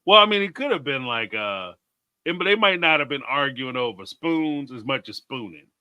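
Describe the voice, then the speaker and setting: A man's voice: medium pitch, normal speed, clean tone, no echo. A man co-hosting a casual live-stream discussion, joking and reading viewer messages aloud. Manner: jokey, animated, reads viewer messages aloud. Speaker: co-host of a reality TV discussion stream.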